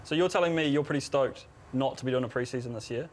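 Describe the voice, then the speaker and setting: A male host with a mid-range voice, steering a casual conversation with jokes and teasing asides. Faint background noise runs under his voice. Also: medium pitch. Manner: jokey, quick to laugh and tease. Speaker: podcast host. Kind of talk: casual chat.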